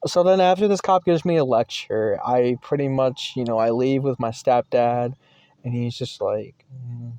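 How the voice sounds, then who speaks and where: A man's voice: medium pitch, moderate pace, darkish tone, clear, resonant tone, no room sound. A young man casually telling a personal story, rambling with many fillers and swearing freely. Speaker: vlogger.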